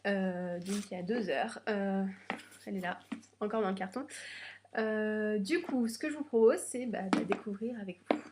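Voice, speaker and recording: A young beauty vlogger, her nose slightly stuffy from a cold, unboxes beauty products in a casual chat. It is her nervous first video, so she sounds hesitant and uses many fillers. Her voice is medium-pitched against a noisy background.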